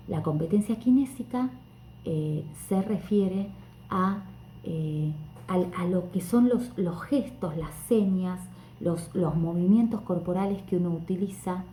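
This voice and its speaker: A woman's voice: lowish voice, dark tone, echoey room, slight background noise. A woman teacher, giving a friendly, conversational online lesson from home with many fillers and restarts. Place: room at home.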